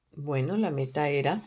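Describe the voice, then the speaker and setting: A woman with a notably low, deep voice leads a Bible study. She speaks in an earnest, measured way and keeps turning questions back to her listeners. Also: slightly rough.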